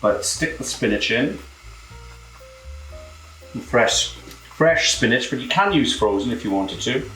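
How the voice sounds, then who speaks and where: A man's voice: mid-range voice, lively intonation, takes it slowly, long pauses, sharp tone, reverberant, faint music behind, rough recording. A British man with a camp, cheeky manner, casually presenting a cooking demonstration as a home cook. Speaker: home cook presenting own recipe show. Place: indoor kitchen.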